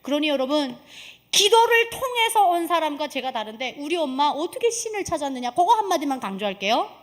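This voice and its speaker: A woman's voice: sits high, big pitch swings, brisk. A woman from Korea, giving an emphatic church testimony with rhetorical questions to the congregation. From North Korea.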